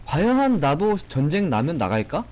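Excitable swearing man playing a game. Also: a little high, normal speed, poor audio. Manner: excitable, swearing, shouting at enemies. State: tipsy from drinking. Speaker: gaming streamer. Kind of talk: live gameplay commentary. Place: small room at home.

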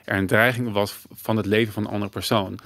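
A man's voice: on the low side, steady tone, fairly quick, a bit bright, no echo, clean studio sound. A man hosting a casual podcast discussion, thinking aloud and repeating words as he searches for them. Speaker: podcast host.

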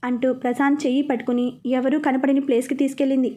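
A woman narrating a romantic serial story in a steady storytelling manner. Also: high-pitched, very fast. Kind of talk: scripted narration.

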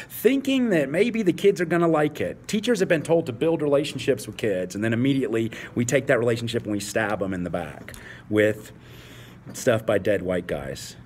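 A man's voice: mid-range voice, darkish tone, slight background noise. A man in his forties, an English teacher, speaking passionately and emphatically to fellow teachers, repeating key phrases. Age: 40s.

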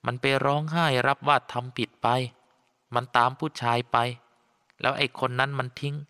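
A man's voice: medium pitch, steady tone, normal speed, bright, forceful tone, clear, resonant tone, pitched above the performer's own voice, natural voice. A man voicing a tearful, scheming woman, the father's younger sister, in a storybook audiobook who talks in a weepy, pleading way. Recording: long reverb.

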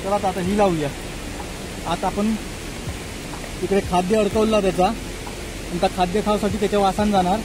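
A man's voice: sits high, level tone, normal speed, long pauses, noisy background. A man in his thirties with a Malvani Marathi accent, explaining things step by step in a casual outdoor vlog, filmed on a phone in a rainy forest. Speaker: village vlogger. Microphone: phone camera held close.

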